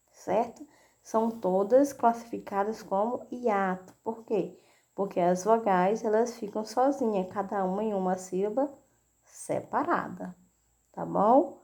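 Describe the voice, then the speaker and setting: A woman's voice: mid-range voice, slow pace, mellow. A woman teacher with a Brazilian Portuguese accent giving a recorded lesson to children, patiently checking in with "né?" and "tá?". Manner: patient, repeats "né?" and "tá?" to check understanding.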